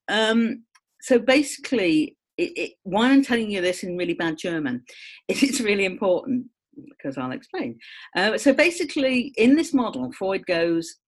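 A woman's voice: mid-range voice, breathy edge. A woman explaining ideas in a casual, rambling chat, full of fillers and self-mocking asides. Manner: rambling, full of "kind of" and "you know"; chatty, self-mocking, lively.

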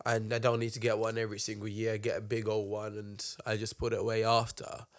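A young man with an urban London accent and street slang, hosting a casual podcast with teasing, animated storytelling. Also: on the low side, fairly quick, no echo, clean studio sound. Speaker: podcast host.

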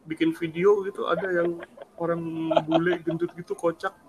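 High-voiced laughing man, slang. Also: little pitch movement, moderate pace, background noise. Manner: loud, laughs often, slangy. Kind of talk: casual chat.

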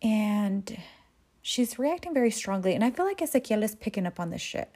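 A woman's voice: medium pitch, very animated, normal speed, darkish tone, husky. A woman casually recapping a telenovela episode, swearing freely and acting out the characters' lines with big jumps in her voice. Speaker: recap host.

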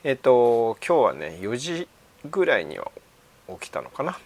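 An older man hosting a radio segment, talking off the cuff and haltingly, thinking aloud. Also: medium pitch, huge pitch swings, a little mellow. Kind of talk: unscripted radio monologue.

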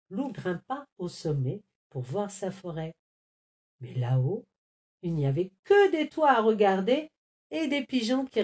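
A woman reading a children's picture book aloud, unhurried and carefully articulated. Her voice rises and falls with animated storytelling energy. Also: medium pitch. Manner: expressive, clearly articulated.

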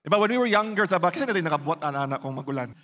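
A man's voice: on the high side, lively intonation, rapid-fire, sharp tone. A man with a Cebuano Filipino accent preaching a sermon to a church, switching between English and Bisaya and asking the congregation rhetorical questions. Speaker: pastor. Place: church hall. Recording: reverberant church hall.

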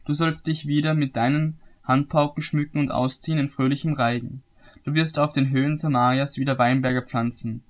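A man reading a Bible passage aloud in a steady, measured way, now and then slipping and correcting himself. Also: medium pitch. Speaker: Bible reader.

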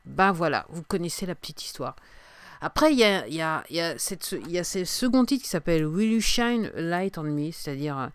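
A woman in her fifties, a singer-songwriter hosting her own podcast, talking casually and hesitantly with many pauses and restarts. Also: on the low side, expressive, clear, resonant tone, dry recording. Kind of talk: casual solo podcast talk.

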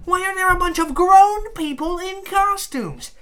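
A grumpy old male inspector, voiced by a woman, speaks slowly and folksily, sizing everyone up. The voice sits very high and the pace drags. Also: a bit bright. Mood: puzzled. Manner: folksy, slow and suspicious. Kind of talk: amateur audio drama acting.

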